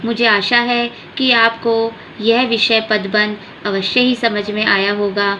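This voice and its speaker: A woman teacher explaining grammar to school students in a slow, deliberate classroom style, repeating definitions. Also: medium pitch, level tone, heavy background noise.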